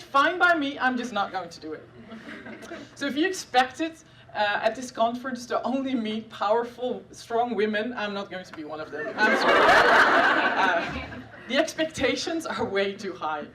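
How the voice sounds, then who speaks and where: Performing stand-up at a live comedy show, a Dutch neuroscientist in her thirties talks about her science work with dry self-deprecation and frequent fillers. Her voice is on the high side, recorded from a distance over background noise.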